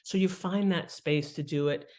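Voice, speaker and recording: Her deep, darkish voice moves at a moderate pace as she talks as a guest author and writing expert on an interview program. She explains conversationally, like someone sharing practical tips, emphasizing her key words.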